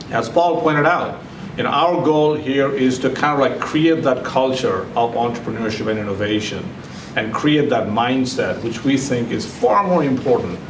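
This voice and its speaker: A man from Nepal speaks at a grant ceremony, with halting phrasing and frequent fillers. He sounds far from the mic in an echoey room with noise behind him. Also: medium pitch. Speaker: center director. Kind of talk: ceremony speech.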